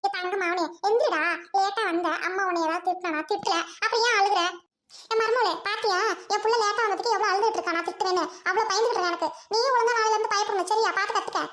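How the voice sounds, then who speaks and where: A woman voicing a shrill fussy mother. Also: fast talker, a bit bright. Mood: fussing. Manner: fussy, scolding yet tender. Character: scolding, doting middle-aged mother. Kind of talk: amateur audio drama.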